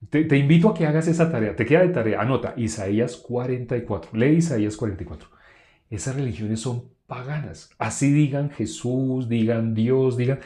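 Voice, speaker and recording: A man preaching a sermon in an animated way, repeating phrases for emphasis and laughing between points. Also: mid-range voice, reverberant.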